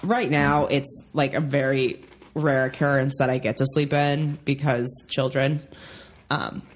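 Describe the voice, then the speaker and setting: A woman's voice: extremely low pitch, flat delivery, measured pace. A woman in her thirties co-hosting a casual relationship podcast from home, chatty and rambling with frequent ums. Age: 30s. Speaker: podcast co-host.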